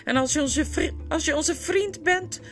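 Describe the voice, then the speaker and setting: Woman doing a shrill, proud talking mouse. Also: a little slow, fairly bright tone, soft background music. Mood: defiant. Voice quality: shrill, high. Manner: bold, pompous challenge.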